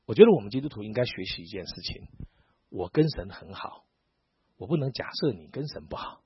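A man's voice: fairly low pitch, fairly quick, husky, no echo. A middle-aged pastor from Taiwan, preaching a sermon and acting out dialogue as he tells stories. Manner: animated storytelling, acting out dialogue. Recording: dull lo-fi sound.

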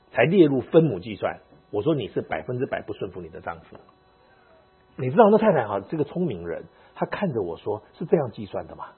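Husky, lively male church elder preaching. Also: medium pitch. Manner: animated storytelling, mixing in English words. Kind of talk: sermon. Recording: muffled lo-fi recording with mains hum.

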